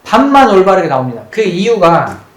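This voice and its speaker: A math teacher records a lecture at the board in a mid-range, sing-song voice at normal speed. Key points get repeated and students get quizzed, in a mix of polite and casual speech. The room echoes, with faint noise behind.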